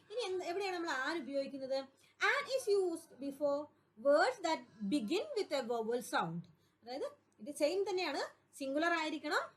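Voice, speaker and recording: A woman with a Malayali accent teaching English grammar for an exam class, patiently repeating points and answering her own questions. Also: high voice. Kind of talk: explanatory exam-prep lesson.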